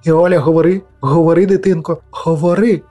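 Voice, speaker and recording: A man's voice: a little high, steady tone, brisk, warm tone, faint music behind, pitched above the performer's own voice, close to an everyday voice. A man voicing a stern, caring older woman priestess in an audiobook. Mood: urgent.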